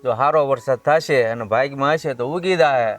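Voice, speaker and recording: An actor playing a calm, patient village father, who speaks in a measured, advising way. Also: medium pitch, soft background music, lightly acted. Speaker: father in family drama. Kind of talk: Gujarati village drama dialogue.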